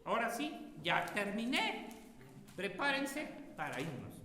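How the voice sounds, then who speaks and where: A man preaching a lively sermon, his tone bright and forceful. He keeps throwing rhetorical questions at the congregation. His voice rings through a hall with a long, echoing reverb. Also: high voice, slow.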